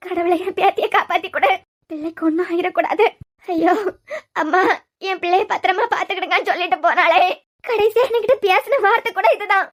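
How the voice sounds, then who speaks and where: A woman's voice: extremely high pitch, fairly quick. A woman with a Kanyakumari Tamil accent voicing a fretful old grandmother who wails and laments over her grandchild in a cartoon serial. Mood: lamenting. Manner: lamenting, wailing.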